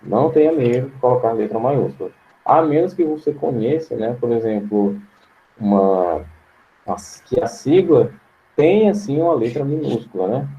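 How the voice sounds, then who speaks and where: A male teacher with a Brazilian Portuguese accent giving an online grammar lesson, patient and slow, repeating words to his students. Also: mid-range voice, lively intonation, muffled recording.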